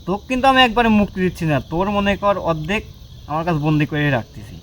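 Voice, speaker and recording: A man's voice: high-pitched, animated, very fast, fairly bright tone, a little hiss or hum. A man working as a ghost hunter, confronting an unseen spirit at night with commanding, scolding talk and repeated short orders. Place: outdoors at a bamboo grove at night.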